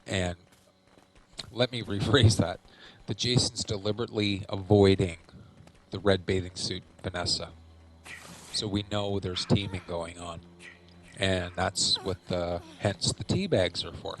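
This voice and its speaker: A man with a deep voice hosts recorded highlights of video game matches. He speaks quietly, as one does at night with someone asleep nearby. His delivery is wry and folksy, with a dry edge. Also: fairly even intonation, a little slow, faint music behind, low-quality recording. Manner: hushed, keeping quiet at night so a sleeper is not woken. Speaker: gaming channel host.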